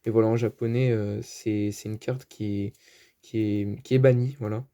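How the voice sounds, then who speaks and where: Dark-toned French man chatting casually. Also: lowish voice, fairly even intonation, normal speed. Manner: chatty, hesitant, many fillers. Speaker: card collector vlogger. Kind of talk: casual show-and-tell.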